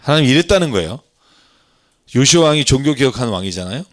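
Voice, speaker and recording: Male pastor teaching scripture at a middle pitch with big, animated swings, voicing the figures of the passage and quizzing the room. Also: fast. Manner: animated, acts out God's and people's words in dialogue; asks the audience questions, laughs at himself. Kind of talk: Bible reading lecture.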